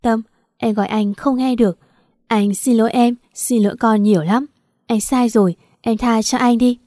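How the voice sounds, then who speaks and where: A woman's voice: fairly high pitch, steady tone, moderate pace, warm tone, dry recording, close to an everyday voice. A woman voicing a cold, furious husband who scolds harshly, in a dry close recording. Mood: pleading.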